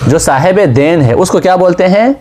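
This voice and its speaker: Male seminary teacher, lively rising and falling pitch, slightly high voice, asks and answers his own questions. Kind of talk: classroom lecture on Islamic law.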